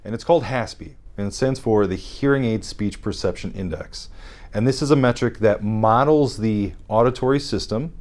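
A man in his thirties with a fairly low voice, walking through technical detail in a measured, precise manner. He speaks as an interview guest, seated in a dim studio. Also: a little mellow. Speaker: guest audiologist.

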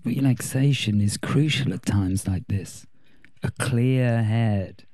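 A man's voice: medium pitch, slow pace, darkish tone, no echo, close to an everyday voice. A man putting on a drawling, vain dandy. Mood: languid. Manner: drawling, theatrical. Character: languid, vain, pot-smoking man who calls everyone darling.

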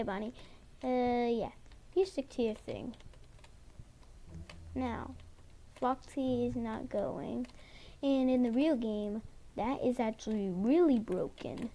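A woman's voice: on the high side, creaky, warm tone, a little hiss or hum. A woman chatting casually while playing a video game, breaking into silly made-up rhymes and sound words. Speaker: gameplay channel host. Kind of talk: casual gameplay commentary.

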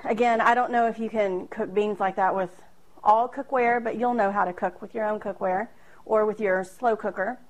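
A medium-pitched, fairly evenly intoned voice belongs to a thirtysomething woman hosting a home cooking video. She moves at a moderate pace through a casual demo in her small kitchen, chatty and self-mocking with lots of fillers and laughs. A camera across the room makes a low-quality recording.

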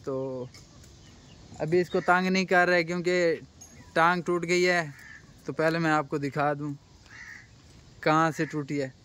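A man's voice: fairly high pitch, steady tone, a little slow, pauses often, fairly bright tone, clear, resonant tone. A young man from Pakistan vlogging a casual walking tour of a cattle farm, guiding viewers and asking the workers questions. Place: outdoor rural cattle farm.

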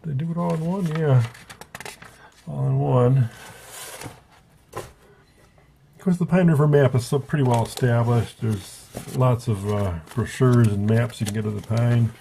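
A book reviewer sits at a table and gives a casual, rambling spoken review, offhandedly correcting himself as he goes. His medium-pitched voice is unhurried with vocal fry, and he pauses often. Background noise can be heard.

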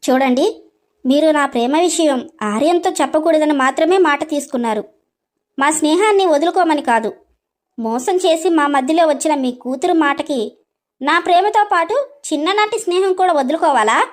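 A woman voicing a bold, clever young woman in an animated storybook, talking back with defiance and sarcasm. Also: sits high, normal speed, close to an everyday voice. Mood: defiant. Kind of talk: storybook voice acting.

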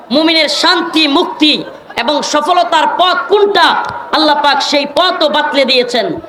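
High-voiced preacher on an echoing PA. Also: male voice, fairly bright tone. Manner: scolding and pleading with a noisy crowd, stern warnings; chants scripture slowly in a sung tone. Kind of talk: outdoor religious sermon to a crowd. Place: crowded outdoor religious gathering, on a stage. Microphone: microphone through loudspeakers. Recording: echoey PA with crowd noise.

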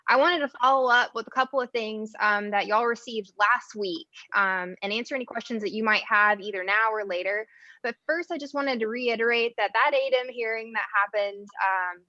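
A woman speaks over a conference call, her voice muffled and dry with no room around it. She addresses a city council in an earnest, measured way, laying out her points and then asking pointed questions. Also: on the high side, sharp tone, no room sound. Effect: heard over a conference call. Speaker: environmental advocate giving public comment. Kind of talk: prepared public comment to a city council. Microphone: video call.

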